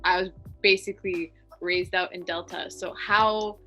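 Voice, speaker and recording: Bright-voiced reflective woman. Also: fairly low pitch, fairly even intonation, unhurried, faint music behind. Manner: reflective, hesitant, searching for words. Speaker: podcast co-host. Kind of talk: casual podcast discussion.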